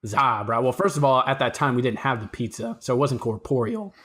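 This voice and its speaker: A man's voice: mid-range voice, fast. A young man with a mid-range voice co-hosts a casual podcast. He jokes and teases playfully, telling stories with animation. His manner is loose and chatty. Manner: joking, playful teasing, animated storytelling. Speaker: podcast co-host. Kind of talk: casual chat.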